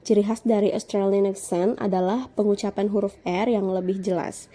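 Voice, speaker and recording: Dark-voiced woman narrating a lesson. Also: mid-range voice, steady tone. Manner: measured, explanatory. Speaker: lecturer.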